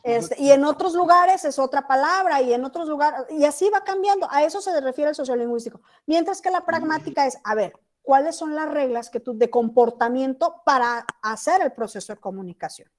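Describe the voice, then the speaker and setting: A woman's voice: sits high, lively intonation, fairly quick, few pauses. A woman teacher from Chiapas, Mexico, lecturing an online class and checking in often with her students. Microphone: video call.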